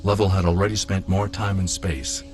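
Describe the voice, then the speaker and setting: A man's voice: low voice, fairly even intonation, normal speed. A man reading scripted narration as a documentary narrator. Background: prominent music.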